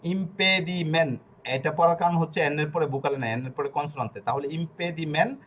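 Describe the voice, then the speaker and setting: A man's voice: a little high, brisk, a bit bright, dull audio, a little hiss or hum. A man teaching pronunciation in an online class, breaking words into syllables and spelling them letter by letter. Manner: tells students to stay muted. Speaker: language teacher.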